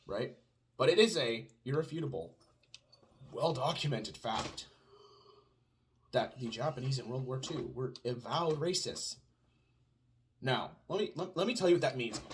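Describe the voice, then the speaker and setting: A man sarcastically rants in a casual conversation with his wife at home, asking himself mock questions and answering them. He is a podcast co-host with a pronounced Southern US twang and a medium-pitched, slightly bright voice. Slight background noise is audible.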